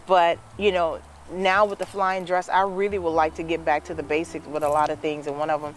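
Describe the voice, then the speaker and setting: Brief: New woman, about fifty, animated storyteller, light background noise. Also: sits low, fairly quick. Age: around 50. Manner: animated storyteller, lots of "you know". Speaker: guest, dress business owner. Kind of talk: casual interview chat.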